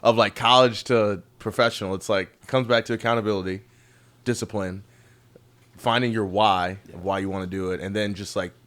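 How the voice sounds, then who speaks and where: A man's voice: on the low side, a little fast. A man from Texas, a guest athlete, joking around in a casual podcast chat. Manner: joking, animated banter.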